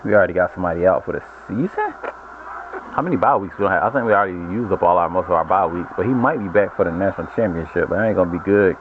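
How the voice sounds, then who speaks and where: Casual gamer host, low-pitched man, rambling self-correcting delivery, tinny narrow-band audio. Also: lively intonation, very fast. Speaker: gaming channel host. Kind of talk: casual gameplay commentary. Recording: lo-fi phone-like audio with noise.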